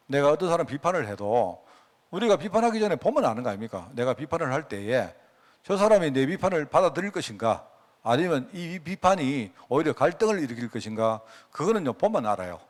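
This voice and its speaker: Lively-voiced Gyeongsang pastor preaching. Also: male voice, a little high. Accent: Gyeongsang Korean. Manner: conversational, folksy, asks the congregation for agreement. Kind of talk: sermon.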